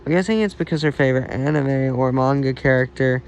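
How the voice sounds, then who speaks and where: A man's voice: medium pitch, a little fast, a little hiss or hum. A man reading his own fan fiction aloud in a casual, unscripted way, with frequent restarts and self-corrections. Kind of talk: amateur fan story reading.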